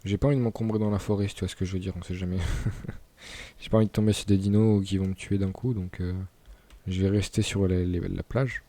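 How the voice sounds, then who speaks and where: A man's voice: deep voice, steady tone, brisk, dark tone, dry recording. A young man commenting casually on his gameplay, chatty, laughing and tripping over words. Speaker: gaming YouTuber.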